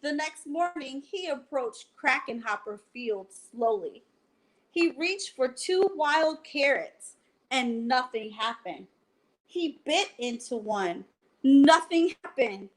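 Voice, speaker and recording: A high-voiced woman who hosts library storytime reads a picture book aloud at bedtime from inside her home, her intonation lively. She addresses the kids directly with slow, careful phrasing, captured on a low-quality recording.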